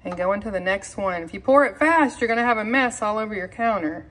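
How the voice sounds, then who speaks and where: A woman's voice: medium pitch, fairly quick, a bit bright, low-quality recording. A woman giving chatty step-by-step cooking instructions in her home kitchen, talking straight to her viewers. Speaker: home cooking channel host. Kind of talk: casual cooking demonstration.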